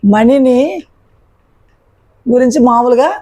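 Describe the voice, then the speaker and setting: High-voiced opinionated woman reviewer. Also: steady tone, slow pace, mellow. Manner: opinionated, rhetorical questions. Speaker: reality show reviewer. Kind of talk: episode recap commentary.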